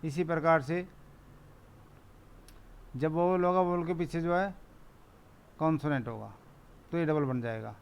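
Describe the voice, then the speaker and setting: A male teacher with an Indian accent explaining spelling rules, reading English lines slowly and repeating each point in Hindi. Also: a little high, gravelly, smooth. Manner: repeats questions and answers them himself. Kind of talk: classroom lesson explaining rules.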